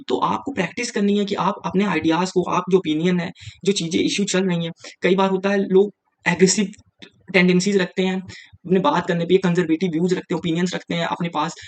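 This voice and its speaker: A man's voice: sits high, creaky. A young man teaching exam preparation in a casual, direct lecture, switching between Hindi and English and often saying "yaar" to his viewers.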